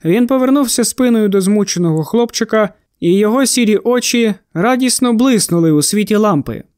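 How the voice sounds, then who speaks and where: A male narrator reading a novel in the first person at a measured, even pace. His voice sits high for a man. The recording is close and completely dry. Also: no room sound. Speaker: audiobook narrator.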